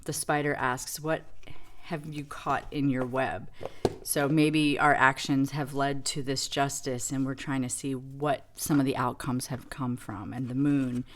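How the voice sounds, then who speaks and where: A woman's voice: extremely low pitch, flat delivery, a little slow, few pauses, slight background noise. A woman giving a casual tarot reading demo, reflective and rambling with many fillers. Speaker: tarot reader.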